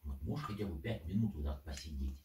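Low-voiced man in an echoey room. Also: animated, fast, mellow, a little hiss or hum. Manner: teasing, coaxing. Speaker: parrot owner. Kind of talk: casual chat with a pet. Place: indoor room, off camera. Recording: echoey room, distant microphone.

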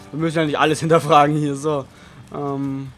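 A man's voice: on the high side, little pitch movement, measured pace, a bit bright, soft background music. A man giving casual gameplay commentary as a let's player, flippant and sarcastic.

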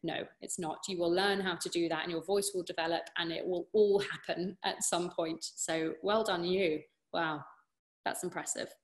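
Sitting indoors in her living room, a British woman in her 20s who sings opera chats warmly through a casual online Q&A, encouraging and full of fillers and restarts. Her lowish voice holds a steady tone at a moderate pace, heard through a laptop webcam on a video call.

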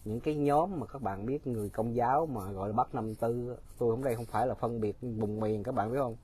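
A man's voice: medium pitch, fairly quick, dark tone, husky. A man giving casual, mocking political commentary straight to his viewers, often laughing.

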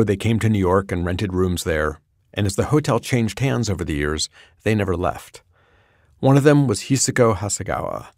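A man hosting a radio documentary, reading scripted narration in a measured storytelling way. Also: fairly low pitch, darkish tone, no room sound, studio quality.

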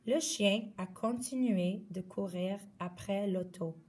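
A woman reading a children's picture book aloud slowly and expressively. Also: mid-range voice, far from the mic. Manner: slow, clear, expressive read-aloud. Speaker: storyteller.

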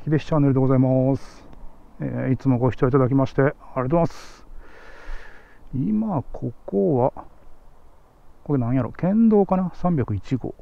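A man's voice: medium pitch, creaky. A man hosting a motorcycle vlog, chatting casually and muttering to himself as he rides. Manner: relaxed, chatty, mutters to himself while riding. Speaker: motovlog host. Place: outdoors on a motorcycle on country roads. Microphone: helmet-mounted action camera. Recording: dull lo-fi helmet mic with loud road noise.

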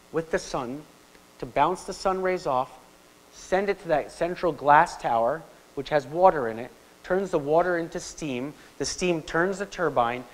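A man giving an animated conference talk to an audience. His voice sits high and he keeps asking the crowd questions. He mixes explanation with stories. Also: poor audio. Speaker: guest speaker on investing.

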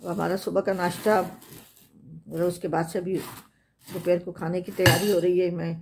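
A woman's voice: fairly low pitch, little pitch movement, moderate pace, gravelly, slight background noise. An older woman from Pakistan narrating casually while she cooks and tidies her home kitchen, chatting and calling out to the children. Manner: chatty, calls to the children while doing housework. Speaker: home cooking vlogger, grandmother. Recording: kitchen clatter of dishes and cutlery.

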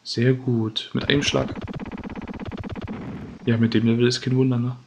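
Gravelly-voiced male gamer, live let's-play commentary, loud game music under him. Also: mid-range voice, flat delivery, a little slow. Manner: eager urging of the game, repeated "komm". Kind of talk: gameplay commentary.

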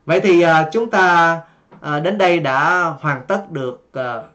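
A man teaching an English lesson, explaining slowly with many fillers and repeating example questions with a rising tone. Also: on the high side, a bit bright. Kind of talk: recorded online lesson. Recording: dull lo-fi recording.

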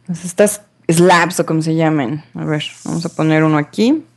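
A woman's voice: low-pitched, moderate pace, darkish tone. A woman, commenting on her gameplay in a dramatic way and scolding the game creatures. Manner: dramatic, talks to game mobs and sings along. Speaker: gamer.

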